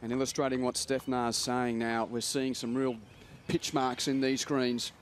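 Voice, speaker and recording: A man's voice: medium pitch, level tone, a little slow, slight background noise. A man working as a golf commentator, delivering tournament commentary and score updates.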